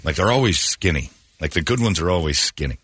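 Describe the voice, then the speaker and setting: A man's voice: sits low, expressive, fairly quick, fairly bright tone, slightly rough, dry recording. A man hosting a radio talk show, giving blunt, opinionated rants in casual studio chat.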